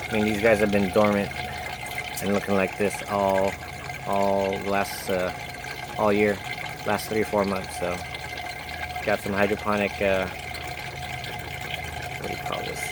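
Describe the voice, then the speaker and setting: A man's voice: on the low side, noisy background. A man giving a casual, rambling walk-through of his home garden outdoors, with frequent fillers and self-corrections.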